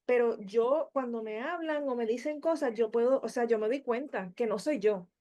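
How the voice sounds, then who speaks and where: A woman's voice: fairly high pitch, moderate pace, warm tone. A woman with a Puerto Rican Spanish accent, sharing her experience on a video call in a chatty way, repeating words and fillers. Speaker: study group participant.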